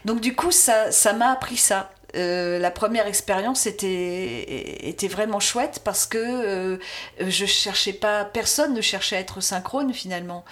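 A woman's voice: medium pitch, unhurried. A woman voice actress chatting in an interview, telling a story with frequent laughs and restarts. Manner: lively storyteller, laughs often, many restarts. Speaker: guest voice actress. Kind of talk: casual interview chat.

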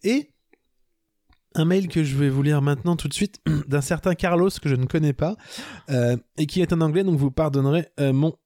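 Playful French podcast host, dry sound. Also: male voice, on the high side, moderate pace, warm tone, no echo. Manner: playful, reads listener mail with mock English accent. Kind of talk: casual comedic podcast banter.

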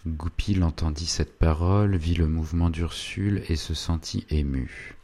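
Low, mellow male audiobook narrator. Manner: measured, steady storytelling. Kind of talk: classic novel audiobook reading.

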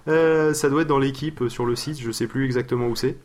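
A man hosting a casual podcast, hesitant and quick to laugh. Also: medium pitch, fairly even intonation. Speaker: host.

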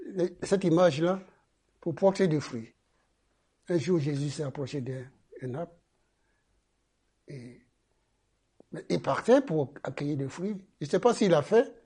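A man preaching a testimony sermon in a halting way, repeating his phrases and swinging between loud urging and soft murmurs. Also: fairly high pitch, breathy edge.

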